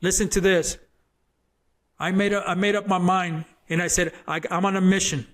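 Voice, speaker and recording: A man's voice: high voice, fairly even intonation, normal speed, fairly bright tone. A man who is a former gang member, a guest on an interview show, tells his personal testimony as a story, earnest and emphatic, often repeating words as he builds up.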